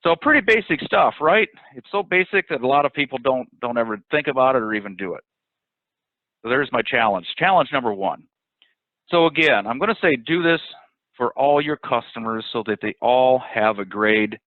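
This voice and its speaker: A man's voice: mid-range voice, lively intonation, moderate pace, no echo. A man giving a casual sales training webinar, talking loosely with many fillers and restarts. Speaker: webinar presenter. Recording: dry, phone-like audio.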